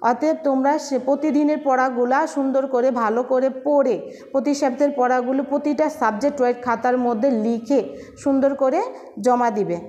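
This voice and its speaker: A woman from Bangladesh teaching a recorded online class, slow and patient, spelling words out letter by letter. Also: high-pitched, fairly even intonation, dark tone.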